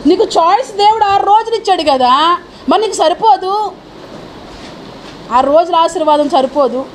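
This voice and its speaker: A woman's voice: very high voice, animated, moderate pace, slight background noise. A woman pastor preaching a fervent sermon and firing questions at the congregation. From India.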